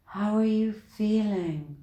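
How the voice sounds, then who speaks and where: A woman leading a guided meditation in a soothing, deliberate manner, with long pauses between short phrases. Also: medium pitch, dark tone, reverberant.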